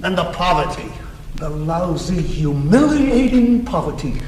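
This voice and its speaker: A man's voice: a little high, very animated, unhurried, a little mellow. Show-off businessman who brags in lists, stage comedy, hall reverb, faint hum. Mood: self-pitying. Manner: bragging, theatrical, piles up lists. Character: boastful, self-made businessman, competitive. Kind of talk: stage comedy cast recording. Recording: echoey theater with long reverb.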